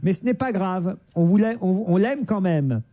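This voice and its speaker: Teasing host reading listener mail. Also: male voice, sits high, lively intonation, normal speed, warm tone, dull audio. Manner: reads messages aloud, teasing and laughing.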